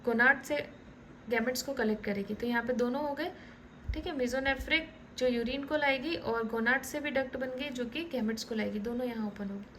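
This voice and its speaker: Woman, high voice, teacher, explaining diagrams, frequent check-ins, faint background hum. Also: moderate pace, a bit bright, rough recording. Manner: repeats "ठीक है" often, restarts words. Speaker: biology teacher. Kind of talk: online lecture explaining diagrams.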